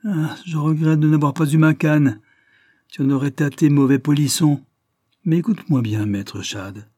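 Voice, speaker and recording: A man reading an audiobook, voicing a stern gentleman who issues emphatic warnings. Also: medium pitch, moderate pace, breathy edge, no echo, studio quality, natural voice. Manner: threatening, emphatic. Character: stern, forthright young gentleman.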